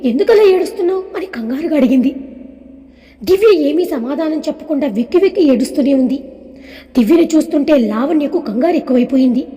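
Brief: female storyteller, high pitch, mellow tone, calm reading, long reverb. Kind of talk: storybook narration.

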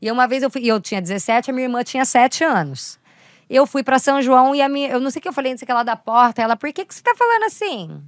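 A woman's voice: high-pitched, rapid-fire, no echo, studio quality. A young woman, chatting animatedly as an actress guest on a podcast. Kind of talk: casual podcast chat.

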